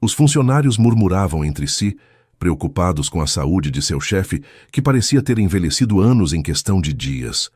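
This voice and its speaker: A man's voice: low voice, sing-song, normal speed, a little mellow, husky, no room sound, studio quality. A man giving a solemn, scripted narration of a romance story.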